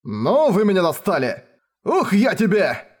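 Rainer: man reads a lazy, hot-headed young mage, yelps high and loud when pushed. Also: very animated, moderate pace. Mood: yelling. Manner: shouting, exasperated outbursts.

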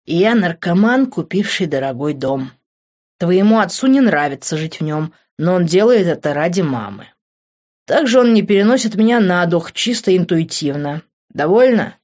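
A blunt, hot-tempered young man snaps out short, swearing lines, as a woman reads him in an audiobook. The voice sits at a middling pitch, and the recording sounds slightly muffled. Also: sing-song, takes it slowly, a little mellow. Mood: irritated.

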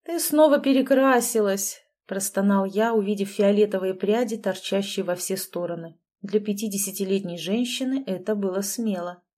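A woman reading a story aloud in an even, measured narration. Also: mid-range voice. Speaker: audiobook reader. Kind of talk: scripted narration.

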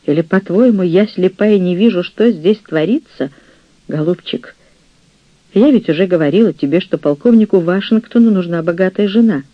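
A man reading an audiobook, voicing an older, jealous and scheming nurse, a widow, in a shrill, reproachful way. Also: no echo, highs cut off, natural voice.

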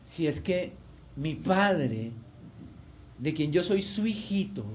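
A male pastor preaching a sermon, telling a personal story with strong swings between loud emphasis and quiet asides. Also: fairly high pitch, lively intonation, slow, slight background noise.

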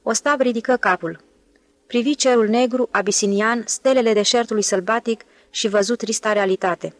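A woman's voice: fairly high pitch, fairly even intonation. Woman narrating an audiobook. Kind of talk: scripted narration.

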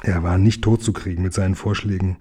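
A man reads a children's novel aloud at an even storytelling pace. His voice is low and dark with a husky grain. He stays calm throughout. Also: quick pace. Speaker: audiobook reader.

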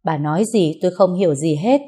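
A woman's voice: lowish voice, fairly quick, husky. A woman reading the lines of a shocked, hot-tempered older husband in a storybook tale. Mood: outraged. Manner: shocked, loud.

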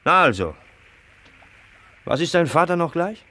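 A man's voice: a little high, sing-song, a little slow, sharp tone, heavily acted. A cocky, taunting young man. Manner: taunting, mocking. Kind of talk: 1960s radio play acting.

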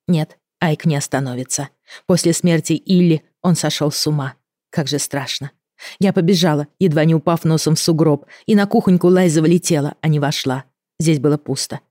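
A woman reading a first-person novel aloud, measured and even, dropping to a hush at tense moments. Her tone is dark and mellow, and the recording is dry and close. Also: sits low, dry recording. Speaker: audiobook reader.

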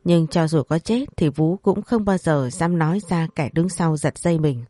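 Woman storyteller, dark low tone, dry close recording. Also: moderate pace, no echo. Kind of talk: scripted audio story narration.

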